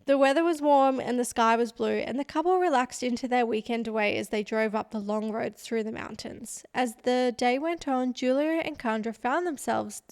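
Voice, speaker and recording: A woman co-hosting a podcast, narrating a true crime case in a relaxed, chatty way and teasing her co-host. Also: a little high, normal speed, few pauses, no room sound, studio quality. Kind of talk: casual storytelling chat.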